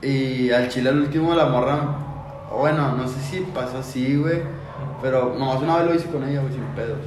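A man's voice: medium pitch, fairly even intonation, fairly quick, reverberant, noisy background. A man with a Mexican accent telling a crude, slang-heavy story as a podcast guest, forever saying "güey". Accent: Mexican Spanish. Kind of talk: casual storytelling. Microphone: podcast mic.

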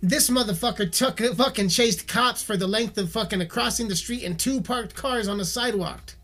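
A man's voice: high voice, moderate pace, fairly bright tone. A man giving a heated, profanity-filled video rant, swearing constantly and repeating himself, with faint music behind him. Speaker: musician ranting on camera.

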